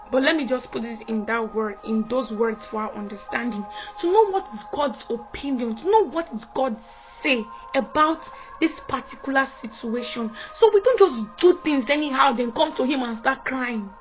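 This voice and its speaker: Fervent high-voiced woman preaching. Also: rough recording. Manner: fervent, repetitive, breaks into laughter and shouts. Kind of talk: sermon.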